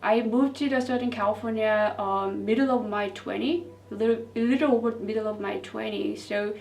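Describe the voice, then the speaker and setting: A woman's voice: on the high side, moderate pace, a little mellow. A woman from South Korea with a Korean accent, speaking English as a second language, earnestly telling her story in an interview. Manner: earnest, non-native phrasing. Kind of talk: interview testimony. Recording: distant mic with faint noise.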